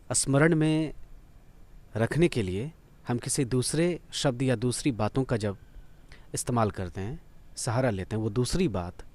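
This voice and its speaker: A man's voice: mid-range voice, darkish tone. A man teaching English vocabulary, explaining memory tricks patiently and repeating and spelling out each word.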